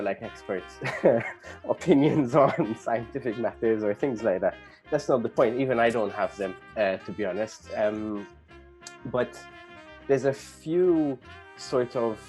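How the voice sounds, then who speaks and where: Man, podcast host, lowish voice, hesitant and rambling, faint music behind. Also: darkish tone. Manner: hesitant, rambling, many fillers and restarts. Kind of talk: casual interview chat.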